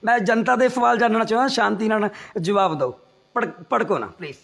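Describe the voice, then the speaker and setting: Male interviewer, high voice, calm but pressing. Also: fairly quick, vocal fry. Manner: pressing, calm, polite questioning. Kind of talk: political interview.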